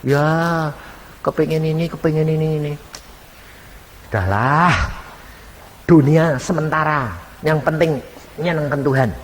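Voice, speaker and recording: A man with a somewhat high voice, an evangelist preacher, delivers a storytelling sermon a little slowly with long pauses, acting out conversations in shifting voices. The recording has hall reverb, faint hiss, and old MP3 quality.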